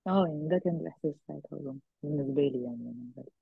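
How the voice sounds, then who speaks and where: Creaky, husky woman with Egyptian Arabic accent. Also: deep voice, dry recording. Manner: halting, reflective, with trailing phrases. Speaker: interview guest. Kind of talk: personal interview account. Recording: thin, phone-like narrow-band sound.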